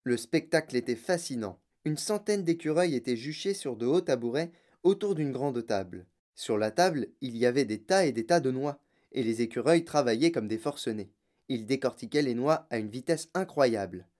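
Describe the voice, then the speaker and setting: A woman narrating a children's novel in an expressive storytelling way. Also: a bass voice, normal speed. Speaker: reader.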